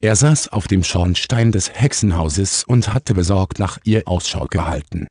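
A man narrating a children's audiobook in a calm storytelling manner. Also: sits low, a little slow, breathy edge. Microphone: close studio mic, dry.

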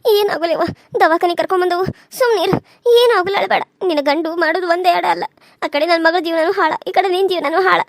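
A woman's voice: extremely high pitch, brisk, dry recording, clean studio sound. A woman voicing an older village aunt, caring and firm, talking steadily and earnestly with a North Karnataka Kannada accent. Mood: worried. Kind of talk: cartoon voice acting.

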